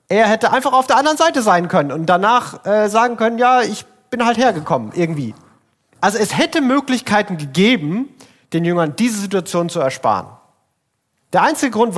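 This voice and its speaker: A man preaching a sermon, retelling the story vividly and speaking straight to the listener. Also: fairly high pitch. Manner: lively, vivid storytelling, addresses listener directly.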